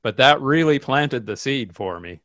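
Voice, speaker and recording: A man's voice: mid-range voice, expressive, measured pace, a bit bright, no room sound. A man playing a vain, self-absorbed male radio host in a comedic radio sketch, with pompous, overly precise diction. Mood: self-satisfied.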